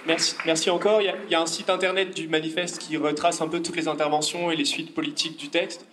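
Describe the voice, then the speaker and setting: Man, event moderator, rather high voice with very flat intonation, informal delivery, noisy background. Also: quick pace, a loud crowd. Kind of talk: informal closing remarks at a public event. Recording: clear background noise.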